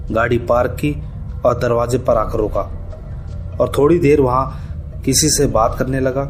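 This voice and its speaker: A man narrating a scripted horror story in a steady, even storytelling manner. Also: medium pitch. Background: faint background music.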